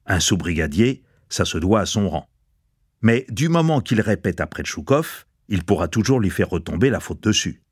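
A man reading a novel aloud as narrator, in an expressive, colloquial storytelling manner. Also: deep voice, moderate pace, slightly rough, no room sound, studio quality.

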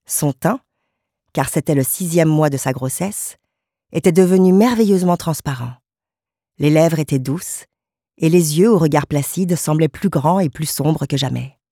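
A woman narrating a literary short story in a calm, measured way. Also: sits low, husky, dry recording, clean studio sound. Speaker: audiobook narrator.

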